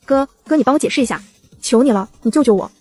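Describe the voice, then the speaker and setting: Woman doing a frantic young heiress, shrill, high and quick, storybook. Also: a little mellow, husky. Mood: pleading. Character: desperate scheming young woman, false heiress.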